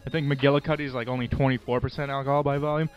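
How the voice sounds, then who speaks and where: A man's voice: medium pitch, flat delivery, rapid-fire, clean tone. A man co-hosting a podcast, joking and teasing in crude casual banter. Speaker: podcast co-host. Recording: dull lo-fi podcast audio, faint music.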